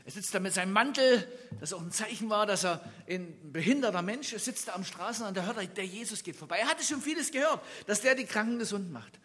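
Man, preacher from east germany, high husky voice, animated sermon, acts out scenes, church hall reverb. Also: fast. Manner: animated, acts out Bible scenes and asks listeners questions. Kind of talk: lively sermon.

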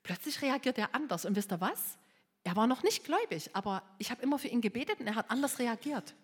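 A middle-aged woman from East Germany gives a heartfelt personal testimony, talking impulsively and swinging between hushed and loud. Her voice sits a little high and sounds husky. It carries in a large hall with a long echo. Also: expressive, fast. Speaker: speaker giving a personal testimony. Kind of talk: emotional personal testimony to an audience.

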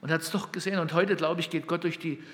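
Higher-voiced preacher in a reverberant hall. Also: male voice, steady tone, fast. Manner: emotional storytelling, swings between loud calls and near-hushed asides. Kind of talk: sermon. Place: hall with a gathered audience.

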